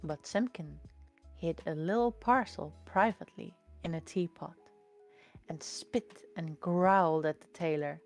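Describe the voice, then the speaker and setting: A woman reading a children's storybook aloud in a slow, gentle, expressive way. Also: fairly low pitch, faint music behind.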